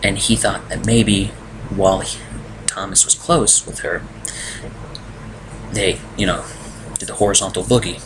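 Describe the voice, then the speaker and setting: A man's voice: sits low, fairly even intonation, unhurried, long pauses. A young man casually reviewing a film from a room at home, exasperated and ranting. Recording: noticeable background noise.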